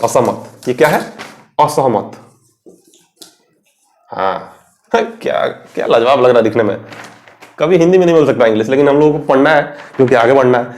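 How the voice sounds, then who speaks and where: A man's voice: medium pitch, expressive, normal speed, long pauses, a little mellow. A young Indian man teaching an English vocabulary lesson at a board, chatty and quizzing his viewers before answering himself. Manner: chatty, asks questions and answers them himself.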